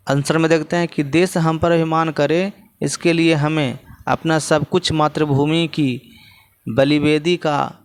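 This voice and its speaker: Male teacher with a Bihari Hindi accent, clear resonant voice, repeats lines while pointing at the text. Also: fairly high pitch. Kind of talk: classroom lesson explaining textbook answers.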